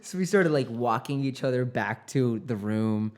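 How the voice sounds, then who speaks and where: A man's voice: mid-range voice, animated, normal speed. A young man in college co-hosting a podcast, telling stories loosely with lots of fillers. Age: young adult. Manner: loose, filler-heavy storytelling. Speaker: podcast co-host. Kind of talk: casual chat.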